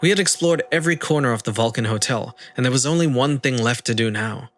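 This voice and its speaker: A man's voice: medium pitch, fast talker, background noise. A man giving scripted voice-over narration for a travel vlog. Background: music.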